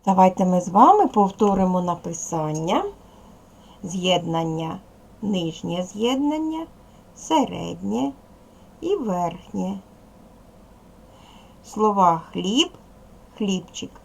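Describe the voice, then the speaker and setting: A woman's voice: mid-range voice, sing-song, slow, long pauses, slight background noise. A middle-aged woman teacher giving a recorded video lesson to young children, patiently explaining each task. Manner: patient, clear instructions to children. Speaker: primary school teacher.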